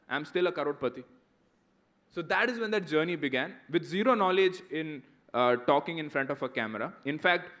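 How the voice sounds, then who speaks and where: Homem indiano de uns trinta anos, com sotaque inglês indiano e voz um pouco aguda, fala de forma coloquial e motivacional para estudantes, perguntando "right?" a cada passo. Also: male voice, on the high side, a bit bright. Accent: Indian English. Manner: conversational, keeps asking "right?". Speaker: guest speaker answering students. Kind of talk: motivational talk and Q&A.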